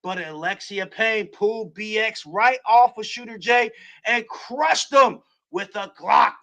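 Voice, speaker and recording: High bright-voiced excitable wrestling host. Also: male voice, unhurried. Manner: excitable, builds to shouts on near-falls. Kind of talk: play-by-play recap commentary.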